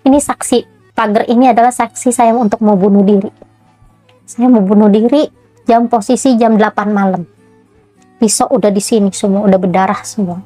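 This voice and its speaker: A woman's voice: mid-range voice, normal speed, no echo, soft background music. A woman giving an emotional personal testimony, acting out the dialogue of others as she tells her story. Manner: animated retelling with acted dialogue.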